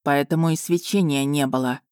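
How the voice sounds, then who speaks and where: A woman voicing an overjoyed, overwrought male dragon in an audiobook, speaking a little lower and with earnest warmth. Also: fairly even intonation, fairly quick, smooth, no room sound, studio quality, natural voice. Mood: calm, pleased.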